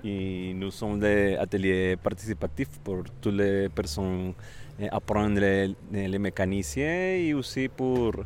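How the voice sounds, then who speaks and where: A man from Colombia with a Colombian Spanish accent, giving interview answers in halting non-native French and searching for words. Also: on the low side, darkish tone, a little hiss or hum. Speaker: volunteer bike mechanic.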